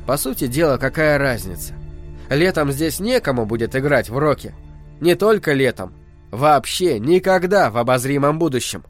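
A man reading a novel aloud as narrator, with measured, expressive storytelling. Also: medium pitch, soft background music. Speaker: audiobook narrator. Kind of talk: scripted narration.

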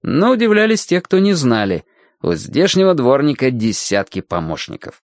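An audiobook narrator reads a storybook aloud in an expressive storytelling style. His voice is medium-pitched and moderately paced, recorded dry with studio quality.

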